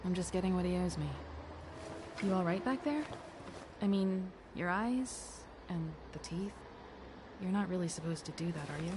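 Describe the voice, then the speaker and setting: A woman's voice: lowish voice, normal speed, long pauses, noisy background, natural voice. An actress playing a tough, sardonic young woman in a video game, wry, guarded and nonchalant. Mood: cold, bitter. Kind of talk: video game character acting.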